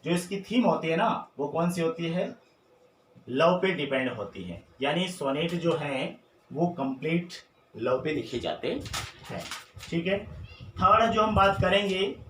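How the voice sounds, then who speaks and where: A man's voice: a little high, animated, a little slow, a bit bright. A man teaching an exam-prep lesson, who keeps repeating key terms and asking rhetorical questions. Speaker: English teacher. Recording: echoey room with faint noise.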